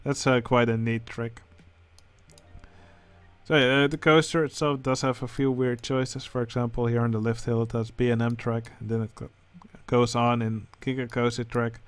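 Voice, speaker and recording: Dutch guy talking thru game entries, lots of uhs, pretty monotone, mid pitch. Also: moderate pace, smooth, no echo, soft background music. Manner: hesitant, many filler sounds. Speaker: channel host judging a building contest. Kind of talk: casual game commentary.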